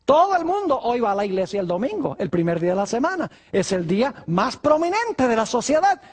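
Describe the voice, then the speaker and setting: Man, pastor, preaching sermon, very high-pitched voice, rhetorical questions to the congregation. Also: big pitch swings, fairly quick, darkish tone, slightly rough.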